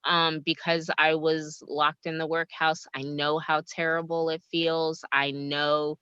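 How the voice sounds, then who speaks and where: Slow, bright-toned woman on a video call. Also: deep voice, little pitch movement, clear, resonant tone, no echo. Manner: earnest, pleading appeal. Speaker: organizer speaking at a community meeting. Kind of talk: casual meeting remarks. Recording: lo-fi video call audio that cuts in and out.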